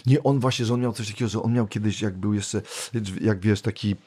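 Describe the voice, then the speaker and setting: A man co-hosting a casual chat, animated and joking. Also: on the low side, fairly quick, husky. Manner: animated and joking, jumps into playful impressions.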